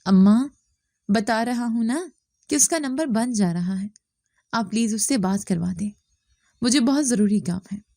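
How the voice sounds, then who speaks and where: A woman's voice: on the high side, animated, pauses often, warm tone, dry recording. A woman voicing a young husband abroad who speaks tersely and insistently. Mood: frustrated. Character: young husband working abroad, frustrated and suspicious.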